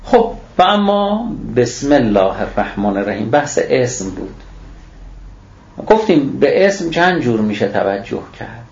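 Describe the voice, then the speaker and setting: A man's voice: medium pitch, very animated, gravelly, a little mellow. A man giving a religious lecture on scripture, reciting Arabic phrases and then explaining them, posing rhetorical questions and answering them himself. The recording is echoey and dull.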